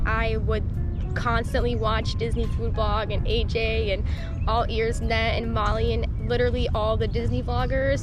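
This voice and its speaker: A woman in her twenties from upstate New York, chatting casually through a vlog Q&A with lots of fillers. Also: on the high side. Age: 20s. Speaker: vlogger. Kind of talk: casual Q&A chat. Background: loud music.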